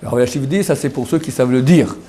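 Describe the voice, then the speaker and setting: A man's voice: medium pitch, fast, warm tone. A rabbi giving a religious lesson, explaining step by step and demonstrating pronunciations to his students. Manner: addresses students directly with frequent "d'accord?". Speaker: rabbi teaching a class.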